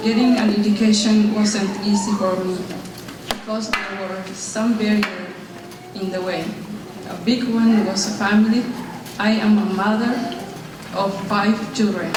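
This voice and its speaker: A woman's voice: mid-range voice, fairly even intonation, measured pace. A woman from Somalia, a graduating adult student, carefully reading a prepared graduation speech in a large hall. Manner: reads carefully, restarts when she loses her place. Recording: echoey hall from far off, noisy.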